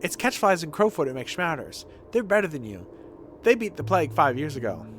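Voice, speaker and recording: A man's voice: fairly high pitch, very animated, brisk, fairly bright tone, slight background noise. A man voicing an earnest, plain-spoken young street child from a video game. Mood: proud, defiant. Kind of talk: read-out video game dialogue.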